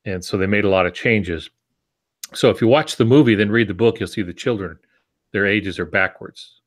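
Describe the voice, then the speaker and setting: A writing teacher and podcast co-host in his sixties, American, speaks at a moderate pace in a voice on the low side. He's teaching informally with asides via video call from his home office, using wired earbuds.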